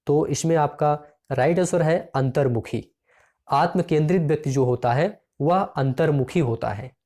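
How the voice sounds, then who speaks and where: Male exam-prep tutor, warm mellow tone, reads each question and its options, then drills the answer. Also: on the high side, normal speed. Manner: addresses listeners as friends.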